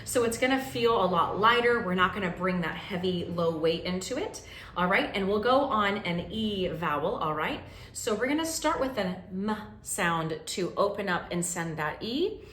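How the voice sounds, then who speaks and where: A woman vocal coach leading a warm-up lesson, encouraging and checking in with "okay?" as she goes. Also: medium pitch, expressive, moderate pace. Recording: roomy echo with faint ambient noise.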